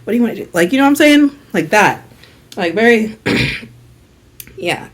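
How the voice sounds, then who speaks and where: Animated young woman telling a story. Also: a little high, measured pace. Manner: animated, slangy, swings from hushed asides to loud exasperated bursts. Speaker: vlogger. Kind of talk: casual storytime chat.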